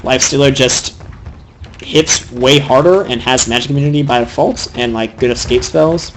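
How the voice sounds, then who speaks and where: A young man giving fast, opinionated solo commentary on a video game match, critiquing the players' item choices. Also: medium pitch, slight background noise, low-quality recording. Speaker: game caster.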